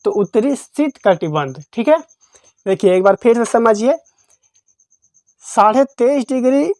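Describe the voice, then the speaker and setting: A woman's voice: medium pitch, darkish tone, dry recording. Woman teaching geography in a dry voice-over. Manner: repetitive quiz-style, asks and answers her own questions. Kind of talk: exam-prep lesson.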